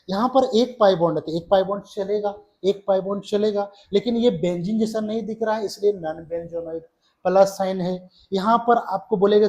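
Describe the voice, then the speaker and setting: A man's voice: high-pitched, darkish tone, low-quality recording. A middle-aged man teaching organic chemistry in a classroom lecture, repeating key terms back as questions and counting along as he draws. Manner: counts along while drawing on board.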